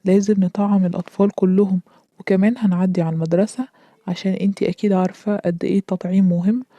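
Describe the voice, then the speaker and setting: This is an earnest, cheerful male cartoon doctor played by a woman. He speaks with an Egyptian accent in a very dark, mellow tone. He rattles on at top speed, close and dry on the mic. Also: mid-range voice, steady tone, no echo, lightly acted. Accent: Egyptian Arabic. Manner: rapid, chatty explaining.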